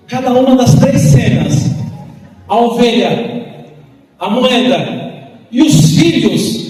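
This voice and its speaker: A fiery preacher with a very high voice, hammering each point again and again. He is picked up from far back in a booming church hall, with faint music running underneath. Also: mellow. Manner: passionate, dramatic, repetitive emphasis. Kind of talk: sermon.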